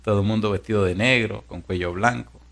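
Animated preacher telling a funny story. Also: male voice, lowish voice, brisk, creaky, slight background noise. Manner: animated storyteller, swings from hushed to loud. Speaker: pastor. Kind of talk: sermon with humorous storytelling.

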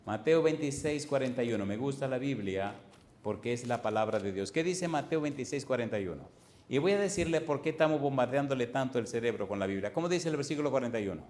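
A man's voice: medium pitch, expressive, fast, a little mellow, echoey room. An older man preaching a sermon, emphatic and repetitive, putting questions to the congregation.

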